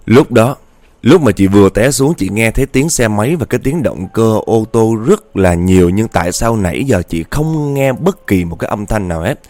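A man's voice: fairly low pitch, expressive, normal speed, darkish tone, no echo. Man telling a ghost story. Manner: chatty, dramatic, often addresses listeners directly.

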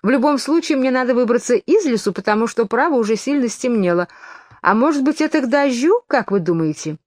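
A woman's voice: on the high side, lively intonation, normal speed, a little mellow, no echo, studio quality, pitched above the performer's own voice, close to an everyday voice. A woman voicing Alice, a curious, polite young girl who turns indignant when argued with, in a storybook reading. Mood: earnest.

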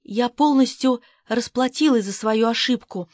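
A woman's voice: on the high side, measured pace, a little mellow, no room sound, studio quality, close to an everyday voice. A woman reading a sugary, falsely tender young woman.

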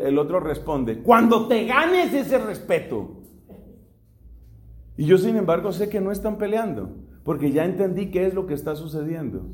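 A man's voice: high-pitched, mellow. A man from Colombia, a Dominican friar, lecturing on philosophy in an emphatic way and repeating key questions to drive them home.

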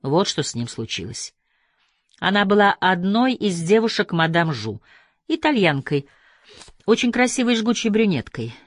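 A man voicing a guarded young woman who tells her past in a flat, even way, in an audiobook. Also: sits high, normal speed, no echo, studio quality, voice pushed up.

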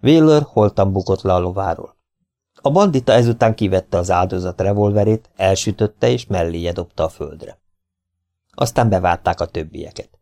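Male audiobook reader, low and mellow, voices the characters by shifting pitch. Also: animated. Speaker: audiobook narrator. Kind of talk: storybook narration with voiced dialogue.

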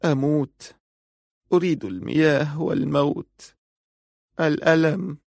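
Male narrator doing weak injured young woman, high faint whisper, dry close sound. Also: quick pace, mellow, dry recording, close to an everyday voice. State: in pain, near fainting.

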